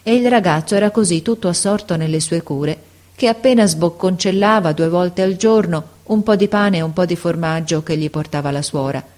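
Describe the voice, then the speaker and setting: A woman narrating a classic story as an audiobook, in a measured, sorrowful manner. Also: fairly low pitch, darkish tone.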